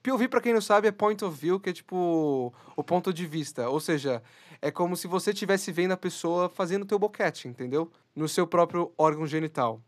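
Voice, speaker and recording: A Brazilian podcast co-host with a high voice talks a little fast, rambling and stammering through casual, jokey news chat.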